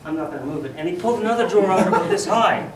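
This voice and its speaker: A man giving a humorous storytelling speech at a contest, animated, with loud bursts for sound effects. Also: sits high, racing, a loud crowd. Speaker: contest speaker. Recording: echoey hall, mic from far off.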